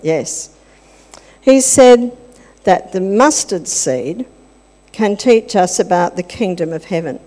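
During a church service, an older woman leads a playful children's talk, chatting and asking the kids questions. Her mid-range voice is expressive and dark-toned, slow with long pauses. She holds a handheld mic in a large church hall full of congregation, and the hall's reverb rings long.

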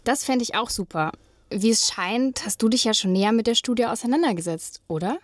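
A woman's voice: fairly high pitch, lively intonation, brisk, no room sound, clean studio sound. Young woman presenting a scripted podcast. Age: young adult. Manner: smooth, read-from-script linking. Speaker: podcast co-host, journalism student.

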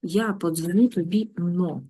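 Female language teacher with a relaxed, mellow voice who spells out German slowly before translating. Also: on the low side, breathy edge. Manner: reads German phrases slowly, then translates. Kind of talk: language lesson.

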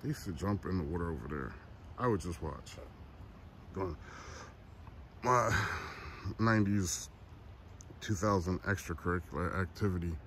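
A deep-voiced man, a podcast host and photographer, rambles in slangy, joking vlog talk at a moderate pace with frequent pauses. He's outdoors beside trolley tracks on a trestle, holding a phone at arm's length, so the recording is noisy with clear outdoor ambience.

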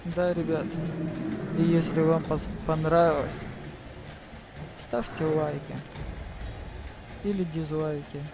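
A man hosting a gaming channel, chatting casually to viewers in slang and exclaiming as he plays, over loud game music. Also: fairly high pitch, steady tone, takes it slowly, pauses often, heavy background noise. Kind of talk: casual let's play commentary. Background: game music and sound.

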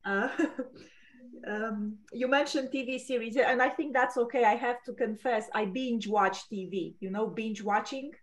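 A woman's voice: a little high, measured pace. Upbeat encouraging teacher woman. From Romania. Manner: upbeat, encouraging, lavish with praise. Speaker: language teacher. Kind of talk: leading an online class.

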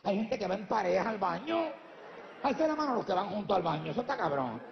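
A Puerto Rican man works a live crowd with brash, profane stand-up, his voice high and swooping. Gravelly edges roughen his delivery. The dull lo-fi tape carries a long hall echo and steady audience noise. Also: brisk. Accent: Puerto Rican Spanish. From Puerto Rico. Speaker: stand-up comedian. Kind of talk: stand-up comedy. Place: live stage before an audience.

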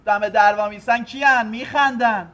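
A man's voice: high voice, fairly even intonation, lo-fi sound, background noise, natural voice. A man voicing a grumpy, irritable male puppet neighbor in a TV puppet comedy. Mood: grumbling. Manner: irritable, grumbling.

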